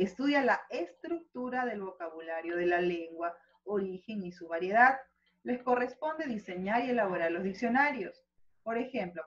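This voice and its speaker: A Peruvian woman with a Peruvian accent, teaching a school lesson and explaining slowly with frequent rhetorical checks. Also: mid-range voice, a bit bright. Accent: Peruvian Spanish. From Peru. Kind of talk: online class lecture. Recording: slightly dull lo-fi audio.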